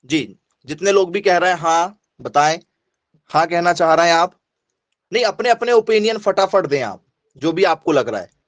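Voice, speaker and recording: A man's voice: on the high side, lively intonation, normal speed, no room sound. A male teacher giving an online class lecture. He repeats his points and keeps quizzing students, asking them for yes or no replies.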